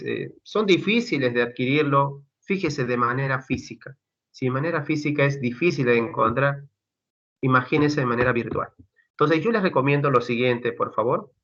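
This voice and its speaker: A man with a pushed, bright, mid-range voice lectures a university class remotely via video call, going over course materials in a chatty manner. He calls the students "chicos," leans on many fillers, and is captured by a computer mic with dull lo-fi call quality.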